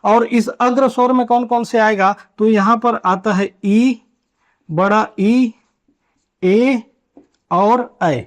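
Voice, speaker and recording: High-voiced man teaching at a board. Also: fairly even intonation. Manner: asks and answers his own questions; drags out key terms slowly. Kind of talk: classroom grammar lesson. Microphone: writing on a board while teaching.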